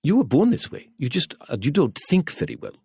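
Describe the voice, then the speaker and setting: Man putting on a patronizing apartheid-era lecturer, attempted South African accent, raised pitch, dry sound. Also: huge pitch swings, a little fast, vocal fry, mellow, husky, dry recording, heavily acted. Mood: condescending.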